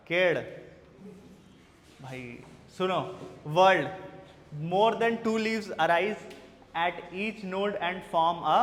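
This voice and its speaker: A man's voice: a little high, a bit bright, in a large hall, slight background noise. A male biology teacher lecturing in a classroom, quizzing his students with repeated questions and teasing them. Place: classroom with a whiteboard.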